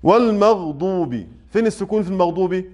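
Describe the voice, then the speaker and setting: High-voiced Egyptian man teaching a class. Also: darkish tone. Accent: Egyptian Arabic. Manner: explains point by point and checks in with the class; chants verse quotes slowly in classical Arabic. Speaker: Quran recitation teacher. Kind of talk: classroom lesson on tajweed. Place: mosque study circle.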